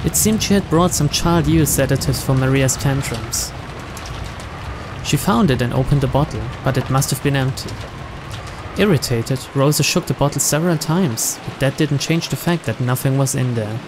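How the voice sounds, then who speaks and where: Speaking in a mid-range voice at a moderate pace, this let's-play narrator reads out visual novel text while music plays in the background. The recording has clear rain noise behind it, along with game ambience.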